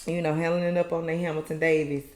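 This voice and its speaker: Woman, casual recap host, chatty, lots of fillers, lowish voice, roomy echo. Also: little pitch movement, fast, a little mellow. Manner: chatty, colloquial, many fillers. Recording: echoey room.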